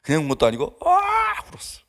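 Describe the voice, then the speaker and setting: Animated storytelling male pastor. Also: mid-range voice, moderate pace. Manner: animated storytelling, acts out dialogue, drops to whispers. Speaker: pastor and seminary professor. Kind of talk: dawn service sermon.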